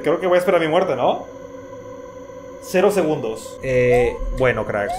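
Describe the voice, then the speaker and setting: A man's voice: a little high, background noise. A young man giving jumpy, panicky let's-play commentary to his viewers. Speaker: gaming YouTuber. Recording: music playing behind.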